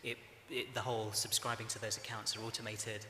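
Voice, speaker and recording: Panelist, man, low monotone, bright tone, echoey hall mic. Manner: measured, explanatory, many fillers. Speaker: panelist from a broadcaster's social news team. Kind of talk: conference panel discussion. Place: conference hall, live panel. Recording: echoey hall with faint noise.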